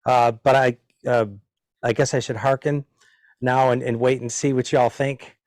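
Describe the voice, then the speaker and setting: Male participant, mid-pitched, rambling and self-deprecating, dry close audio. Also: flat delivery, a little slow, a little mellow, no room sound. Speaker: seminar participant. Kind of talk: casual discussion. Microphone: video call.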